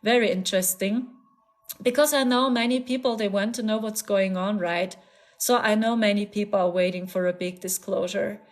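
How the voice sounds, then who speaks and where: This German-accented woman channels spirits on a casual live stream, her talk earnest, soothing and full of repetition and small laughs. She has a mid-range voice with fairly even intonation at a moderate pace.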